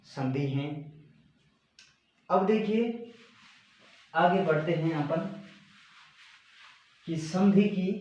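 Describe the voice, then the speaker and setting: A male teacher giving a grammar lesson, slowly repeating and stressing key words. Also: fairly high pitch, a little mellow. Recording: very echoey room.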